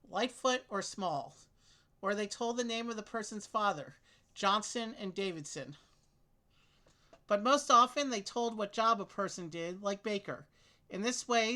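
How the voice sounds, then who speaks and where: A woman with a crisp, bright voice and mid-range pitch. She reads game clue texts aloud steadily, then chats casually with a co-player while they work out a solution. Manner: steady, clear reading of clue text. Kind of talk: reading game text aloud and casual game chat.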